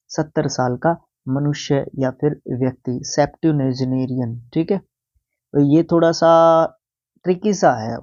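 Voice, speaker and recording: A man's voice: mid-range voice, warm tone. A young man teaching a casual exam-prep lesson. He spells words out letter by letter and keeps checking in with his listeners. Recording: dull lo-fi.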